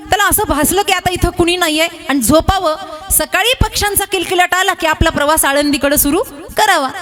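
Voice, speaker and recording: A woman preacher giving a devotional kirtan sermon, telling a folk story in a folksy, lively way with humorous asides to the listeners. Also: sits high.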